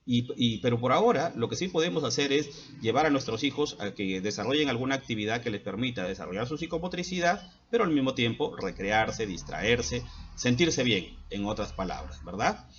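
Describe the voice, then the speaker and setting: A man's voice: mid-range voice, expressive, a little fast, highs cut off. Middle-aged man lecturing parents. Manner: earnest and lecturing, with frequent hesitant fillers. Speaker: school psychologist. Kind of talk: advice talk to parents. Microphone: laptop.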